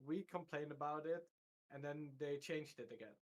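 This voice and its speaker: A man's voice: a little high, moderate pace. A man chiming in agreeably during a casual gaming discussion, speaking hesitantly with restarts.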